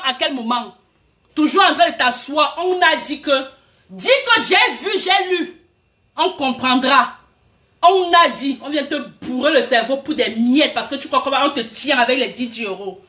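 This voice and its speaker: A woman's voice: high voice, bright, forceful tone. A woman, ranting heatedly at people she addresses directly, accusing them and repeating herself. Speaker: vlogger. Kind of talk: angry direct-address rant.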